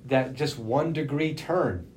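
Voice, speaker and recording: In a socially distanced podcast recording with noticeable background noise, a male host chats casually from behind a face mask that slightly muffles him. His mid-range voice takes things slowly.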